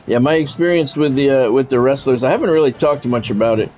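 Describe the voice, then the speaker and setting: Speaking fast at medium pitch, an American game streamer keeps up blunt, casual chat interspersed with play-by-play. The recording is dull and lo-fi, with music in the background.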